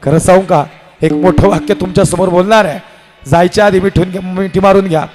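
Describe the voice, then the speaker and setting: A man's voice: sits high, fairly even intonation, brisk, noisy background. A man preaching a devotional kirtan sermon, telling stories with acted dialogue in an impassioned manner. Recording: live hall with reverb and instruments.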